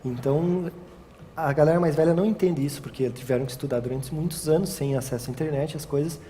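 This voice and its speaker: A young man who shoots weddings gives a laid-back interview in a mellow, fairly high voice at a quick pace. He rambles, keeps restarting, and often closes sentences with "sabe?" The recording has long reverb and faint ambient noise.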